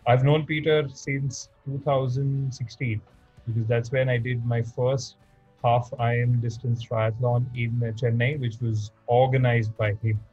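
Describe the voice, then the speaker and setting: Male interviewer, husky, polite and hesitant, muffled recording with faint music. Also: medium pitch, level tone, measured pace, a little mellow. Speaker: host. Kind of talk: interview hosting.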